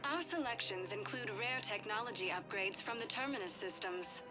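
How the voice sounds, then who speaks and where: An actress voicing a courteous female store kiosk announcer reading smooth advertisement announcements in a game. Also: mid-range voice, moderate pace, over music, close to an everyday voice.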